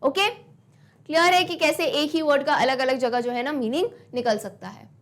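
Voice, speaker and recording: A woman's voice: high-pitched, moderate pace. A woman teacher, explaining English grammar in a mix of Hindi and English, asking her students questions and answering them herself. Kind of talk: classroom lesson explaining grammar.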